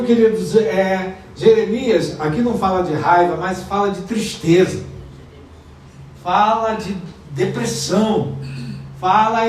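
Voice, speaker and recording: A Brazilian man preaching a sermon as pastor, shifting from quiet asides to loud acted-out quotes. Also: high-pitched, far from the mic, slight background noise. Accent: Brazilian Portuguese. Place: church sanctuary. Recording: echoey church room miked from afar.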